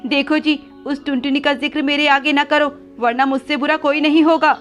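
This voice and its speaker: A woman's voice: sits high, level tone, normal speed, a bit bright, faint music behind, pitched above the performer's own voice. Woman voicing a bossy scheming crow wife. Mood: scornful. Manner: harsh, bossy and dismissive. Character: scheming greedy female crow, sister-in-law.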